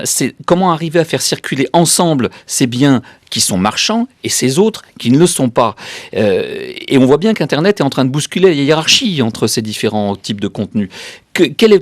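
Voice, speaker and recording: A man's voice: mid-range voice, no echo. A male radio columnist in a studio, carefully laying out both sides of an issue before putting his question to the guest. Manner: thoughtful, lays out both sides before asking. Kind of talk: posing a long question on air.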